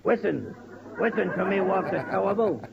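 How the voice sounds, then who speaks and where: Creaky, high-voiced feisty Santa Claus. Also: male voice, animated, moderate pace, a crowd in the background, full character voice. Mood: feisty alarm. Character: spirited, feisty, jovial old Santa Claus. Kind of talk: 1940s radio comedy acting. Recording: very noisy, dull old radio recording.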